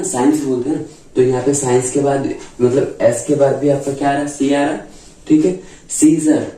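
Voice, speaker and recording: A male teacher giving a classroom-style grammar lesson, repeating his points with frequent check-ins and slowing down to spell out letters. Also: mid-range voice, dark tone. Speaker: English teacher. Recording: echoey room, voice from a distance.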